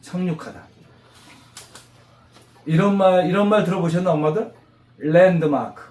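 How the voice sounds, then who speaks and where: A man teaching English vocabulary to a class of mothers, animated, quizzing them and drilling repetition. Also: high voice, a little slow. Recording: roomy classroom echo.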